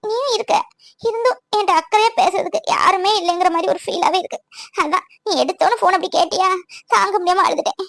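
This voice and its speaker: A woman's voice: very high voice, a bit bright, dry recording, clean studio sound. A young woman voicing a lonely, tearful girlfriend who complains and pleads with her boyfriend.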